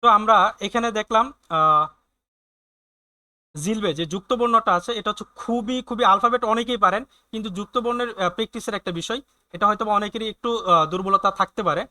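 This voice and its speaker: Bright-voiced man teaching German. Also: sits high, clean tone. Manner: hesitant, many fillers and restarts; explains patiently, repeats sounds slowly. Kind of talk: online language lesson.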